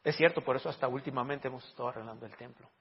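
Gravelly-voiced male pastor preaching. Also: mid-range voice, steady tone, racing. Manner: conversational preaching, frequent rhetorical questions, repeats words. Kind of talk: sermon. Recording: dull lo-fi recording.

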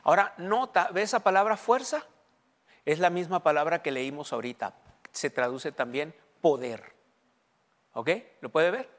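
A man's voice: fairly high pitch, moderate pace, fairly bright tone. A man preaching a bilingual sermon in Spanish and English, often asking his congregation questions and reading scripture aloud. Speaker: pastor. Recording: long hall reverb.

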